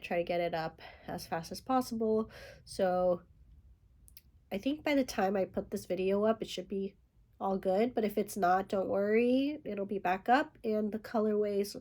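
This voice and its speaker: A woman hosting a relaxed knitting vlog while fighting a head cold, her voice stuffed-up and nasal. She talks in an easygoing, rambling way, full of "um"s and "like"s, at a middle pitch. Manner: rambling, lots of fillers and light laughs. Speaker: yarn dyer and podcast host. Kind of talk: casual chatty knitting vlog.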